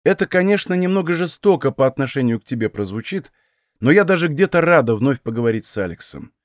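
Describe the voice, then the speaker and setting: A man voicing a sharp-tongued, sarcastic adult woman mage in a storybook reading. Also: mid-range voice, animated, fast, dry recording, studio quality, pitched above the performer's own voice, natural voice. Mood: wry. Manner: sarcastic, teasing.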